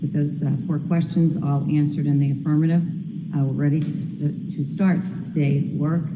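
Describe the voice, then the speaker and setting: Low-voiced woman judge in an echoey courtroom. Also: level tone, normal speed. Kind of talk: courtroom address. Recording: echoey courtroom with clear background noise.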